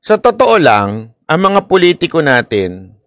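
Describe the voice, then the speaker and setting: A man's voice: a little high, very animated, measured pace, a bit bright, dry recording, studio quality. A man from the Philippines giving casual, chatty political commentary, laughing often and talking straight to his viewers.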